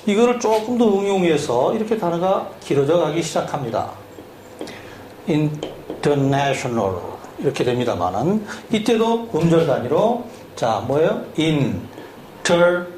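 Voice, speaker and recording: A man's voice: on the high side, big pitch swings, normal speed, dark tone. A man teaching a lesson, drilling spelling syllable by syllable and asking the listener questions as he goes. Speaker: English teacher. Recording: echoey room with faint hum.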